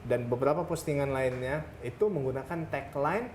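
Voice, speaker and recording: Woman TV host, very low voice, lively chatty interviewer, audible background noise. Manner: chatty, lively interviewer with quick encouraging backchannels. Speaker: morning show host. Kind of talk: TV studio interview. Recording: noisy TV studio.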